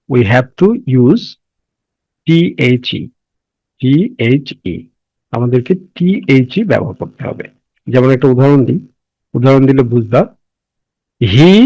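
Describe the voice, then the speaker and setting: A man with a Bangladeshi accent teaching a grammar lesson. He asks questions and answers them himself, spells words letter by letter, and slows down to dictate English phrases word by word. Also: mid-range voice, darkish tone, dry recording, rough recording.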